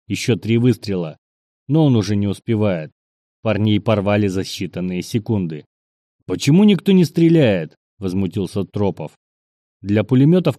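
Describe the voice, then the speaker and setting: A man narrating an audiobook in a steady, measured way, raising his voice for the characters' shouts. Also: lowish voice, dry recording, clean studio sound. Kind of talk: scripted narration.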